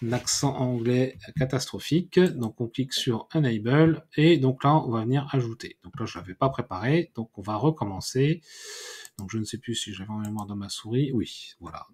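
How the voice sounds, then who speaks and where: A man giving a screen-recorded software tutorial, thinking aloud and correcting himself as he clicks through menus. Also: medium pitch, slightly rough. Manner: unhurried, thinking aloud with many fillers and self-corrections. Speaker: WordPress tutorial instructor.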